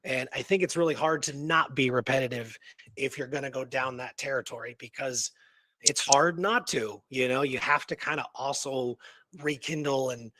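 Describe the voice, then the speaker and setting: A man co-hosts an Old West history show in loose, unscripted chat, rambling conversationally and repeating points for emphasis. His mid-range voice is bright and forceful at a moderate pace.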